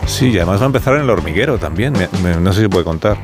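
Low-voiced radio host, man. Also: expressive, racing, over music. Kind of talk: comedic radio banter.

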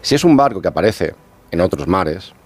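Low-voiced male expert guest, radio interview, steady explainer. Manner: measured, patient explaining with pauses. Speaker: underwater archaeologist, interview guest.

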